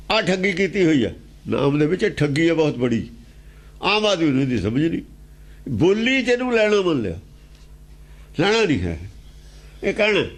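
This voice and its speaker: Punjabi man expounding scripture, lively pitch. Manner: repeats key phrases, rhetorical questions. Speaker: religious teacher. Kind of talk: scripture exposition talk.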